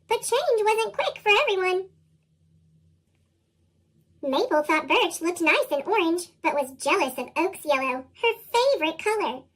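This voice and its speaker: Her voice processed into a high-pitched chipmunk sound, an American woman narrates a children's storybook from a script. She's expressive and unhurried, with a somewhat bright quality suited to young listeners.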